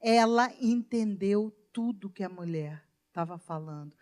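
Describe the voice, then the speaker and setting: A woman pastor with a Brazilian Portuguese accent, preaching a sermon in an emphatic storytelling manner that swings between soft and loud. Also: medium pitch, a little slow. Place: church.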